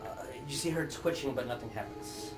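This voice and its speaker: A man running a tabletop game as game master, narrating off the cuff and often pausing mid-sentence. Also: medium pitch. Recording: echoey room, distant mic, music behind.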